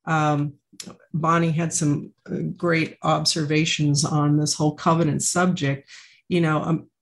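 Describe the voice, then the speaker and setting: A woman's voice: deep voice, flat delivery, unhurried. A woman hosting a podcast interview who responds to her guest with affirming enthusiasm. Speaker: podcast host. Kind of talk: conversational interview.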